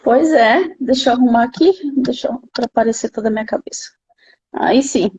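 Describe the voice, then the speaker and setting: The same kind of casual live chat features a Brazilian host from São Paulo interviewing a friend, her voice a little high, brisk, husky and slightly mellow. It comes through slightly dull lo-fi live-stream audio.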